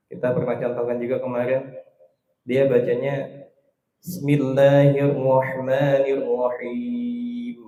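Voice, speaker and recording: A middle-aged male religious teacher giving a casual study lesson, talking conversationally and drawing out recited verses slowly as examples. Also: mid-range voice, warm tone, echoey room.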